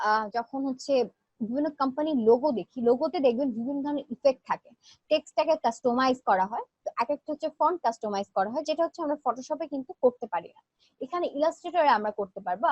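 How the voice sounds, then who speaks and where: A high-voiced woman teaches design software in a live class, moving fast and explaining each step in turn. Her voice is close and dry, with a dull, lo-fi sound. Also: dry recording. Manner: explains step by step, fillers between steps. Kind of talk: live online class, screen demo.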